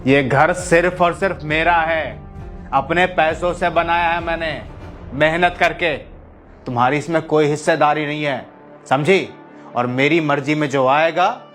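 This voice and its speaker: A man's voice: on the high side, close to an everyday voice. An actor playing a defiant, angry husband who taunts and insults his mother-in-law. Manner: taunting, shouting.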